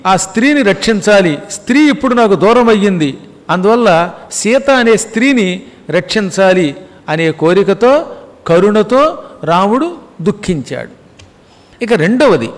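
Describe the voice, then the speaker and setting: A high-pitched man delivers a spiritual discourse, repeating key ideas and posing rhetorical questions to his listeners. He now and then acts out a quoted line. His voice carries a long reverb, as if recorded in a hall. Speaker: religious discourse speaker. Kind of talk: Telugu Ramayana discourse.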